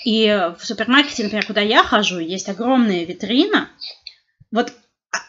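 A middle-aged woman chatting casually with a friend, her voice sitting in a plain middle pitch. She tells things with animated energy, full of fillers and little restarts. The sound is dull and lo-fi. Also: moderate pace, slight background noise. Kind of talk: casual chat.

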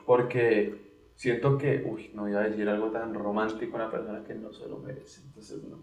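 A man's voice: fairly low pitch, little pitch movement, fairly quick, gravelly, darkish tone. Man chatting in a roomy space. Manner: loose slangy banter, gives advice through examples. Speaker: podcast co-host. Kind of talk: casual chat. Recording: roomy sound, mic at a distance.

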